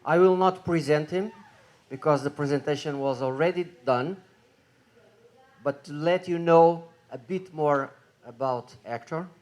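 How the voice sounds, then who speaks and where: Halting slow-talking moderator, a man. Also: fairly high pitch, a little mellow. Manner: halting, many fillers, self-correcting. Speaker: conference moderator. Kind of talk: introducing a speaker.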